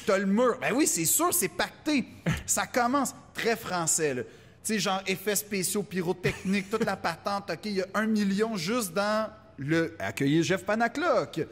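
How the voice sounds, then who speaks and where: A man's voice: high voice, moderate pace, in a large hall. A man with a Québécois accent telling a stand-up story in casual chat, acting out the voices of the people in it. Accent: Québécois French. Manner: animated storyteller, acts out quotes.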